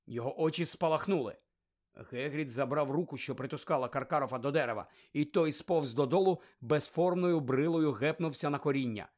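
A man narrating an audiobook with lively, expressive reading. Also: a little high, a little fast.

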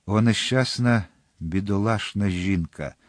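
A stern, brooding nobleman speaks low and heavy, his words weighted and hushed, as a male narrator voices him. The recording is close and dry. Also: unhurried, no echo, lightly acted. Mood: horrified.

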